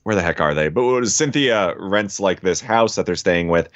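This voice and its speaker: A man from Illinois joins a podcast as a guest, talking in eager, casual bursts full of fillers. His voice is very low for a man. The audio is dry and a little muffled. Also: moderate pace, dry recording. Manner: enthusiastic, animated, many fillers. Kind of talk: casual chat.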